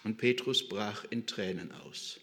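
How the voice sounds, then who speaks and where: A man's voice: on the low side, animated, a little slow, bright, forceful tone. A man preaching a sermon, reading scripture and retelling it with dramatic emphasis. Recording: reverberant hall.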